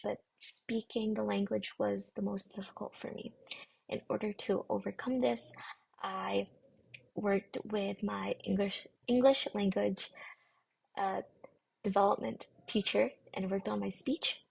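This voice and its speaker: A woman's voice: medium pitch, gravelly, a little mellow, breathy edge. A young woman from the Philippines giving earnest, rehearsed answers as a nursing program applicant. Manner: earnest, formal, rehearsed delivery. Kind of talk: prepared interview answers.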